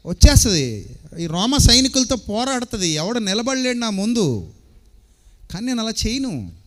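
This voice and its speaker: A man voicing Jesus as a calm, authoritative man who speaks with restraint in a sermon. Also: high-pitched, normal speed. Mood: firm, earnest.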